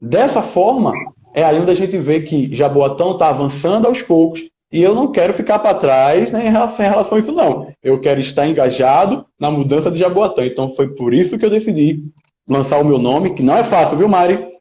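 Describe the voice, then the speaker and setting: In a roomy, slightly muffled lo-fi recording, a young man in his 20s fields interview questions as a political pre-candidate. His mellow, slightly high voice moves a little fast with lively intonation, and he speaks emphatically, speechmaking and often adding "né?" to his points.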